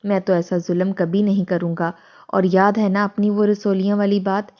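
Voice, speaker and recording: A woman voicing a short-tempered, domineering middle-aged husband who scolds his wife roughly, in a dull lo-fi recording. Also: mid-range voice, little pitch movement, natural voice. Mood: angry.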